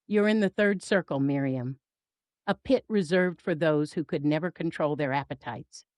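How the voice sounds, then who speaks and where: A woman's voice: low voice, moderate pace, a little mellow, no echo, studio quality, lightly acted. Woman voicing a mocking, sinister hooded figure. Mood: menacing. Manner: murmuring, mocking, menacing. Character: hooded sinister figure, amused, taunting, condescending.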